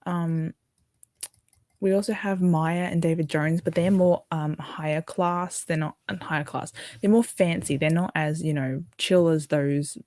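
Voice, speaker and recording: Young Aussie woman, casual streamer, lowish, rambling delivery, dry close recording. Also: steady tone, a little slow, warm tone, no echo. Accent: Australian. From Australia. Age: young adult. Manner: chatty and rambling, with fillers and self-corrections. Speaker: livestream host. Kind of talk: casual livestream chat, reading viewer comments.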